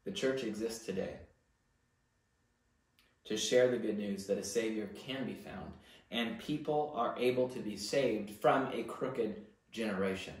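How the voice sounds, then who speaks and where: Speaking at a measured pace in a lowish voice, a middle-aged man delivers a sermon as pastor, earnestly stressing key words. He is filmed from a far-off camera indoors in a church library room with bookshelves, and the space sounds very echoey.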